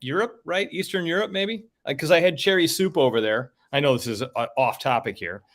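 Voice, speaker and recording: A man hosts a casual talk, rambling on in an upbeat way. His voice sits a little on the high side. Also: animated, fairly quick, a bit bright. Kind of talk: casual chat.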